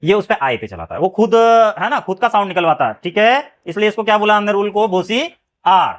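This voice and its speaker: A man teaches phonics rules. He spells words out slowly, letter by letter, then stops to check that his students have followed. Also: high-pitched, animated, fairly bright tone. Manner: spells words letter by letter, keeps asking "clear?". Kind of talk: phonics lesson.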